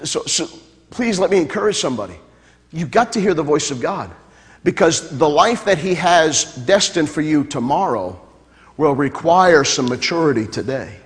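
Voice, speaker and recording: Preaching in a large hall with long reverb, a high-voiced male pastor stacks repeated phrases into loud, fervent climaxes and breaks off to joke with the congregation. His sermon is animated and moves at a moderate pace.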